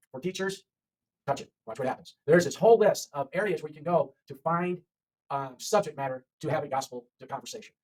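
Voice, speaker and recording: A man's voice: a little high, a little mellow, husky, recorded from a distance, rough recording. A man teaching an online English lesson, talking to learners with lots of repetition and frequent "okay?" checks.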